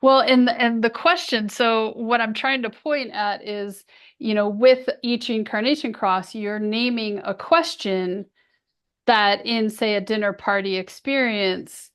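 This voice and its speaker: A woman's voice: a little high, a little slow, a bit bright, clear, resonant tone. A woman hosting a casual interview, enthusiastic and rambling, leaning heavily on "you know" and "like.". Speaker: interview host.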